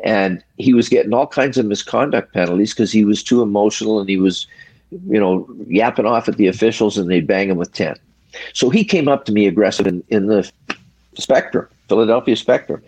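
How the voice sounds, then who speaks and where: An older man with a low, gravelly voice tells stories as a guest in a relaxed interview. He talks in a measured, reflective way, in short phrases with pauses, and the sound is close and dry. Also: no room sound. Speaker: retired hockey referee, guest. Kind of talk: storytelling in a casual interview.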